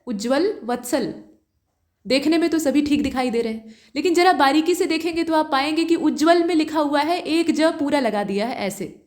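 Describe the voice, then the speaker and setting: A woman tutor patiently explaining exam questions one by one, often pausing to ask rhetorical questions. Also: high voice, echoey room.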